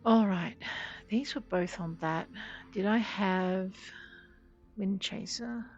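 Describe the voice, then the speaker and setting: A woman's voice: mid-range voice, takes it slowly, gravelly, lo-fi sound. A woman hosting a gaming video, chatting playfully to herself and her game companions in a genteel way with mild exclamations. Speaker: gaming video host playing in character. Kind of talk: playful game commentary, talking to self.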